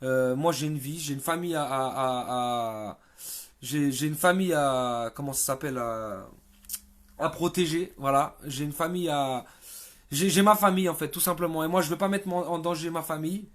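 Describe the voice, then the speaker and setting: A man speaking in a livestream monologue as a protest activist, exasperated, halting and often repeating words. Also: a little high.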